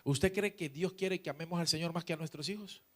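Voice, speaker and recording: A male pastor, preaching a lively sermon. His voice is bright and sits a little high for a man. He swings from loud exclamations to hushed, confiding asides. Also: fairly quick.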